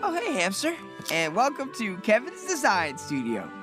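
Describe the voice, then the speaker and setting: A man's voice: sits high, wildly swooping pitch, moderate pace. A man voicing a nervous, eager teen boy in a cartoon, stammering and eager to please, over music. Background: background music.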